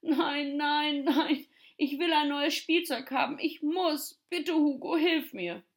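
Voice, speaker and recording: A little boy in a read-aloud Christmas story, pitched high and pleading, his voice rising loud when he begs for help, as a woman reads his lines. He sounds close to tears. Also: slow. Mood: tearful pleading. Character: young boy Tommy, tearful then joyful.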